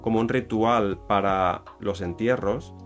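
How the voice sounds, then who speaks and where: A man's voice: on the low side, unhurried, faint music behind. A man with a Spain Spanish accent, casually explaining a cultural topic in a rambling way, full of fillers and self-corrections. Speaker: YouTuber explaining Japanese culture.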